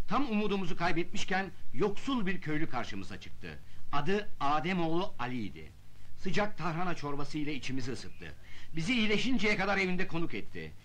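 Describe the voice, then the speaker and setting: A man's voice: a little high, sharp tone, poor audio. A man playing a formal official in a film, reading a will aloud in declamatory, carefully phrased sentences.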